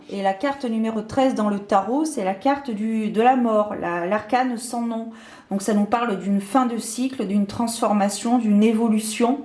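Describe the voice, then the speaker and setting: Woman tarot reader, slightly high voice, hesitant and full of fillers, roomy echo. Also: a little mellow. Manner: hesitant, many fillers and restarts. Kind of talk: casual tarot reading to camera. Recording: echoey room.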